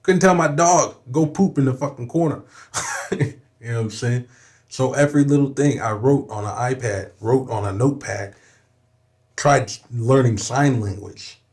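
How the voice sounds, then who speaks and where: A young adult rapper from Southern California, guesting on a podcast, speaks at a normal speed with a medium-pitched, slightly mellow voice. He tells a personal story candidly and emphatically, swearing often and saying "you know what I'm saying" again and again.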